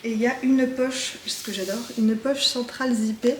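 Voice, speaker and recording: A woman with a slightly high voice chats in an easy show-and-tell way, pausing often on filler sounds as she goes. The room around her is echoey and roomy, with faint ambient noise behind. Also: fairly even intonation. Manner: chatty, hesitant with frequent fillers. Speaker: knitting vlogger. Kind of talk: casual show-and-tell chat.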